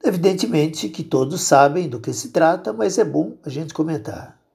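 A Brazilian man teaching a grammar lesson, his voice low and gravelly with a dark, mellow tone. His pitch moves freely up and down as he patiently explains and repeats each rule. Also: lively intonation, moderate pace. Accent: Brazilian Portuguese.

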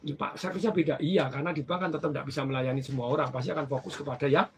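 A high-voiced man recounts his days running a bank branch, rattling along at a quick clip. He slips into the voices of the people he describes, keeping the chat animated. Faint background hum sits under his voice. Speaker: former bank branch manager. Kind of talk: storytelling in casual conversation.

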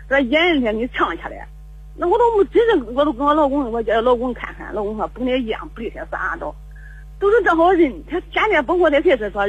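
A woman's voice: a little high, breathy edge, rough recording. An older woman calling in to a radio show, telling a long story in a rambling, repetitive way with stammering restarts. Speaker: caller. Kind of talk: call-in radio chat. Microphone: phone call.

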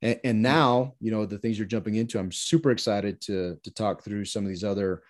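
A podcast co-host in his forties introduces a guest during a casual interview chat, earnest and effusive, restarting his sentences often. His voice is on the low side, brisk, with fairly even intonation.

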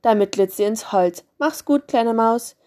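A woman putting on a smooth, scheming snake from a picture book, coaxing and fake-friendly. She draws her words out slowly and lifts the pitch a little. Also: a little mellow, lightly acted. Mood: frightened.

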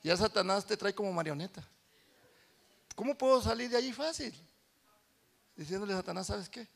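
A man preaching a sermon as pastor in a church, animated, swinging from soft confiding talk to loud shouting. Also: high-pitched, fairly quick, vocal fry.

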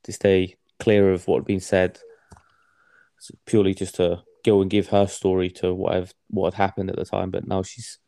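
Low, dark-voiced man chatting. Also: monotone, no room sound. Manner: rambling, halting, swears a lot. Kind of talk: casual chat.

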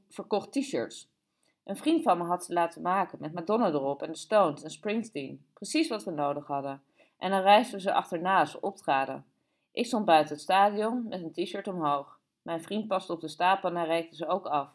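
A woman's voice: fairly low pitch, natural voice. A woman voicing a flamboyant, vain and chatty grown woman who talks in a playful, showy way for an audiobook. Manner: playful, showing off.

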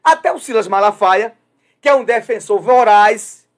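Speaking at a moderate pace in a high-pitched voice, a man from Brazil offers opinions on his radio or web show. He's hesitant and full of fillers early on, then becomes emphatic and insists on his points.

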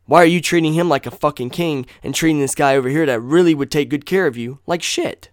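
Brief: male vlogger, angry swearing rant, smooth clear tone, dry close sound, mid pitch. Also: quick pace, dry recording. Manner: heated, blunt, swears constantly; repeats phrases for emphasis. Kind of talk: profane casual rant.

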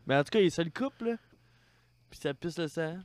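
Young man, Quebec French accent, matter-of-fact, smooth resonant voice, slightly high, dry close sound. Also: animated, brisk, a little mellow, no room sound. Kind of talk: crude casual banter.

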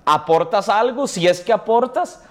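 A man's voice: high voice, expressive, moderate pace. A man with a Costa Rican accent, a guest in a casual interview, telling his story in a chatty way with frequent tag questions. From Costa Rica.

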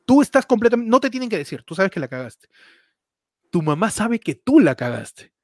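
A man co-hosting a casual, jokey chat, telling stories in an exaggerated, animated way. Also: high-pitched, moderate pace, no room sound, clean studio sound. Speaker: podcast co-host.

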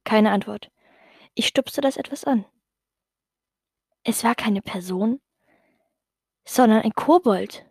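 A woman narrating a children's story in the first person with gentle, slow storytelling. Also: fairly high pitch, slightly rough, dry recording, clean studio sound.

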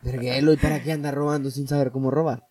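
A man's voice: medium pitch, flat delivery, fast, a loud crowd. A man co-hosting a podcast, joking and laughing in casual chat. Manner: joking, laughs often, ironic. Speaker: podcast co-host.

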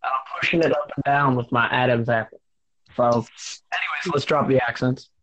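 A man's voice: medium pitch, normal speed, noisy background. A man hosting a casual podcast, rambling and teasing with lots of restarts. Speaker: podcast host.

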